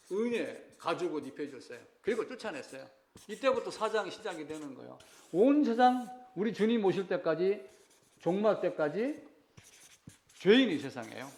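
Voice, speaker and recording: Speaking in a high voice, a male pastor gives a conversational sermon, putting questions to his listeners and veering between loud stresses and quiet asides.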